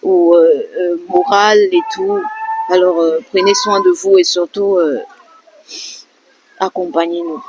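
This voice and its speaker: A young woman halting and hesitant as she tells her story in an interview. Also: on the low side, fairly even intonation, background noise. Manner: hesitant, halting with many fillers. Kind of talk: emotional testimony.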